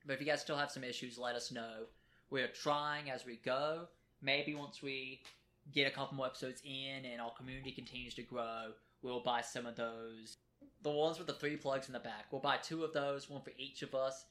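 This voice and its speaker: Speaking into a home podcast mic at a kitchen table, this co-host keeps the chat casual, rambling and cracking jokes. His medium-pitched voice has a fairly bright tone and little pitch movement, at a moderate pace.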